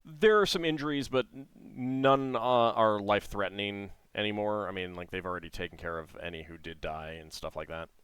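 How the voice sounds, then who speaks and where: A man casually narrating a tabletop game as game master, in a halting, thinking-aloud way. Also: on the low side, fairly bright tone, clean tone, no room sound.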